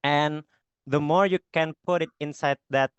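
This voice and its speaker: A man's voice: a little high, steady tone, normal speed, a bit bright, clean tone, no echo, lo-fi sound. Hesitant young Indonesian man presenting. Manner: hesitant, heavy with fillers, searching for words. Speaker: exchange student presenter. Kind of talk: unprepared online presentation.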